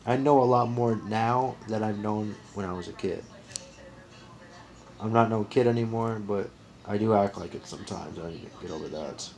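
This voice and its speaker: A young man in his twenties with a somewhat low voice talks on in a loose, earnest monologue to camera. He rambles, trips over his own sentences and starts again. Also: moderate pace, a little mellow, low-quality recording. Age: 20s. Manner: rambling, earnest, restarts and counts aloud. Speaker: vlogger.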